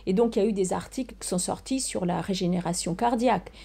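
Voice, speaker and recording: A woman's voice: mid-range voice, quick pace, creaky, dark tone, breathy edge. An older woman, a scientist answering interview questions, hesitant with many fillers and restarts. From Portugal. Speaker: research scientist guest.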